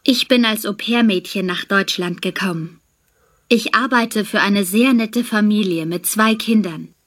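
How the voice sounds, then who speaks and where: A woman's voice: mid-range voice, unhurried, close to an everyday voice. A woman voicing a friendly young au pair. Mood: pleasant. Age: young adult. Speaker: interviewee in a language exam recording. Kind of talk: scripted exam dialogue.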